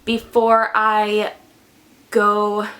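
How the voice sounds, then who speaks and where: A woman's voice: medium pitch, monotone, extremely slow, a bit bright. A young pregnant woman giving a casual, chatty vlog update to her viewers, filling her talk with "like". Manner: chatty, with frequent "like" fillers. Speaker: vlogger.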